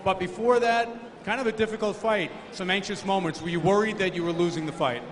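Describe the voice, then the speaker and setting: A man's voice: sits high, brisk, noisy background. A man conducting a broadcast post-fight interview as ringside reporter. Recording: echoey arena with crowd.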